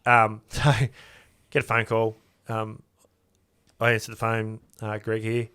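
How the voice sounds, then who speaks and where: A man's voice: lowish voice, monotone, unhurried, pushed and bright, clear, resonant tone. An Australian man, a podcast guest, telling a story in a casual, chatty way and acting out both sides of remembered conversations. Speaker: podcast guest, custom car builder.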